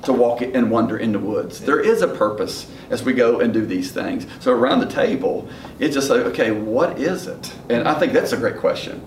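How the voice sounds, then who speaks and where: Echoey, halting middle-aged man with Appalachian accent. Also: animated. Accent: West Virginia Appalachian. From West Virginia, United States. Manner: halting, searching for words, folksy. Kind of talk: casual reflective discussion. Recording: echoey room, distant mic, background rumble.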